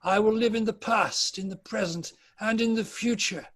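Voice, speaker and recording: This man's old British miser, performed at a dramatic table read, comes out anguished, repentant and theatrically pleading. His voice sits high for a man with a fairly bright tone, and he keeps a moderate pace.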